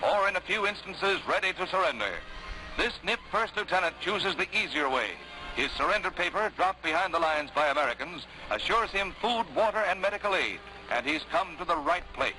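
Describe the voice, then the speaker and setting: A man narrating a 1940s wartime newsreel in a brisk, dramatic announcer delivery, played from an old newsreel soundtrack. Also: high voice, animated, sharp tone, rough recording. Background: music.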